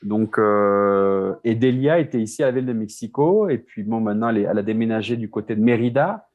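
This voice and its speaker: A man's voice: on the low side, animated, brisk, lo-fi sound. A man from France, a business co-founder, talking casually as an interview guest, with many restarts and repeated words. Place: Mexico City.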